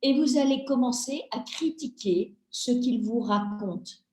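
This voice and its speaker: A middle-aged woman giving a talk on family communication over a video call, speaking in a measured way and acting out little family dialogues. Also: a little high, a little mellow, echoey room. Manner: slow, measured, acts out family dialogue examples.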